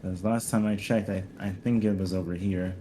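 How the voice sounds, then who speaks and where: A man's voice: sits low, steady tone, normal speed, warm tone, slight background noise, rough recording. A man streaming a co-op game, chatting casually and telling a rambling story full of "like" and "um". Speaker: streamer playing co-op. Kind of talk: casual gaming chat.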